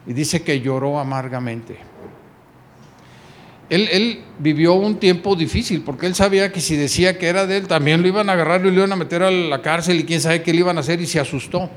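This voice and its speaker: Male preacher, higher voice, plays out the dialogue, faint hiss behind. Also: fairly quick. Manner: acts out dialogue with shifting voices. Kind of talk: sermon retelling scripture.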